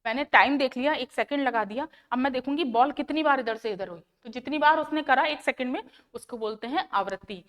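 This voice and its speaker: A woman's voice: high-pitched, fairly quick, hardly any pauses, a bit bright, dull audio. A woman science teacher explaining a lesson to schoolchildren in Hindi-accented speech. She asks questions and answers them herself, repeating the key terms. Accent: Hindi, North Indian. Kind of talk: classroom lesson explaining to children.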